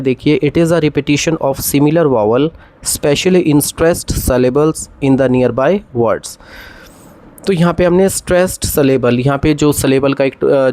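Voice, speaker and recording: In a classroom lecture on poetic devices, a male English literature teacher explains them step by step, reading lines of poetry aloud slowly and often checking that students are following. His voice is medium-pitched with a darkish tone.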